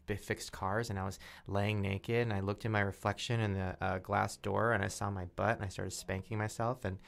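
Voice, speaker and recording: A young man guesting on a podcast, speaking low with a gravelly, fry-laden edge. He tells his stories candidly, mocks himself and laughs easily throughout the casual chat. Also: little pitch movement, moderate pace. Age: 20s.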